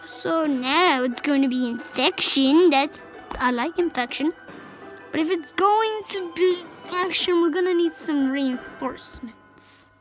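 A woman with a high voice talks through a scary video game in lively let's play style. She is jumpy and loud one moment and whispering the next. Game music plays clearly behind her. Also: a little slow, rough recording. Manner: excitable, swings between yelps and hushed whispers. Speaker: gameplay commentator.

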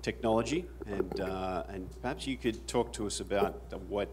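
A man's voice: fairly low pitch, normal speed, background noise. A man moderating a panel, hesitant with many fillers, heard through a distant mic in a hall. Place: conference hall.

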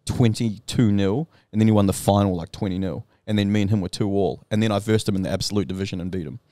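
A man co-hosting a podcast, telling a story in an animated, excitable way full of slang. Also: fairly low pitch, quick pace, no echo. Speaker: podcast co-host. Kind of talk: casual chat.

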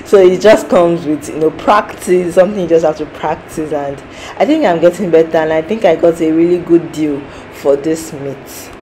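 A young Nigerian woman who speaks Yoruba natively vlogs from a food market, chatting casually and addressing her viewers directly. Her voice sits low at a normal speed, with background noise present.

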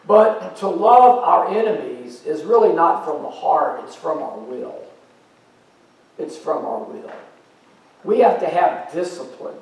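Captured from afar in a highly reverberant church, a middle-aged American pastor walks the sanctuary stage and gestures during his sermon. His voice is a little high and a little mellow, his delivery casual and homespun with plenty of fillers.

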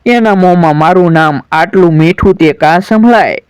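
A solemn, declamatory warrior son pleads with sorrow, as a man storyteller recites him. The voice sits high and moves slowly, smooth and clear. It sounds dry and close, with no room around it. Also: no room sound, lightly acted. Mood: yearning. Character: grieving proud warrior son, adult man.

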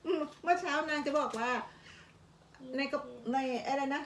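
A woman's voice: sits high, normal speed. A woman, chatting casually with a friend over a meal and talking to her viewers as friends. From Thailand. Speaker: vlogger. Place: home in England, over a meal. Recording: echoey room with faint noise.

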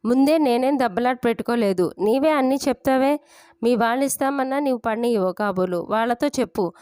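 A woman voicing an angry, sharp-tongued young married daughter who snaps and talks sarcastically, in a storybook reading. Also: a little high, brisk, clean tone, dry recording, studio quality, lightly acted. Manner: snapping, sarcastic.

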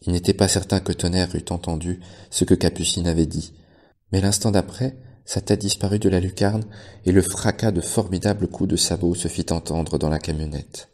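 A male librarian reading a novel aloud in steady, measured narration. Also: low voice. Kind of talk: audiobook narration.

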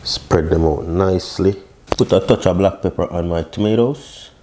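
A chef hosting a cooking show walks viewers through a recipe step by step in a modern home kitchen, dropping in short, chatty exclamations. His voice sits low and mellow at a normal speed, with a faint hiss or hum underneath.

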